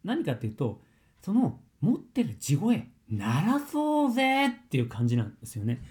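A man's voice: sits high, huge pitch swings, moderate pace, darkish tone. A man working as a vocal coach, answering a listener's question in a casual lesson and explaining with everyday comparisons.

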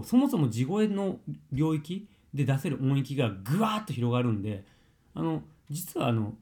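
Lively, chatty male voice coach. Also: medium pitch. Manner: lively, chatty, with many fillers and self-corrections. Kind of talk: casual spoken lesson.

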